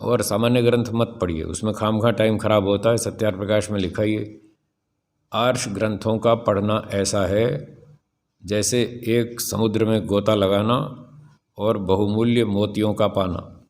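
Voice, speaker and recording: Older male swami, somewhat low voice, firm lecturing tone, poses questions to listeners. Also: steady tone, a little slow, a little mellow. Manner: firm, rhetorical, asks the audience questions. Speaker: swami teaching scripture. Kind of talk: spiritual discourse lecture.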